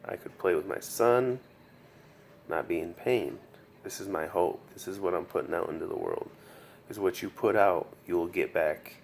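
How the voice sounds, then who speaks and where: A weary, subdued man freshly out of surgery, earnestly giving advice in a casual video diary, halting and repeating himself, recorded in a hospital room. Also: sits low, fairly even intonation, gravelly. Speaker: patient sharing his recovery story. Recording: noticeable background room noise.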